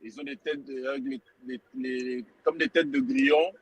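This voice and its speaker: A man answering in a language lesson, halting and repeating words while he searches for them. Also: mid-range voice, fairly even intonation, slightly rough, low-quality recording. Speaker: student. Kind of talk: practicing phrases in a lesson.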